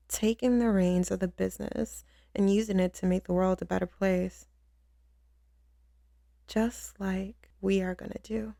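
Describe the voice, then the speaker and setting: This ASMR roleplay features a woman as a tough female mafia boss going soft for her lover, her mellow mid-range voice slow, intimate, and gravelly with fry. She sounds fond and teasing, with swaggering, slangy devotion, recorded dry on a close studio mic with no room sound.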